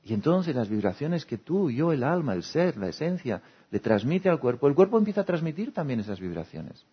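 A man's voice: on the high side, big pitch swings, brisk, slightly rough, muffled recording. A man from gives a reflective spiritual talk to an audience, chuckling often and checking in with "¿no?" and "¿eh?". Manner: acts out imagined dialogues. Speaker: spiritual speaker.

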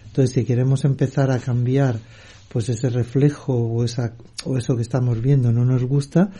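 Calm, very dark-voiced meditation teacher. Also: male voice, medium pitch, husky. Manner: calm, measured, thoughtful delivery. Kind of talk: reflective spiritual talk.

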